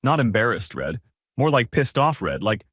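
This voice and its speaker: A man's voice: medium pitch, very animated, moderate pace, a bit bright, slightly rough, no echo, studio quality. A man reading a first-person story aloud in a casual, conversational way. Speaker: narrator.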